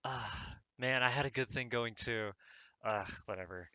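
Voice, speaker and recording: A man's voice: medium pitch, measured pace, sharp tone, no echo, rough recording. A man hosting his own gaming channel, chatting casually over play in an earnest, meandering way with many restarts, on a cheap microphone. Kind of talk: casual let's-play commentary.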